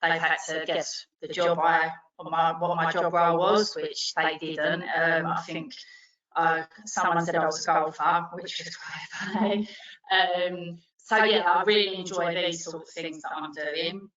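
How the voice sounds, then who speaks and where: A woman born in Wales talks through her career haltingly, full of ums and restarts. Her voice is bright and forceful, but the dull, lo-fi audio puts her far from the mic in a very echoey room. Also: on the low side, steady tone. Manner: hesitant, many ums and restarts. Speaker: train driving instructor. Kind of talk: interview answers on a video call.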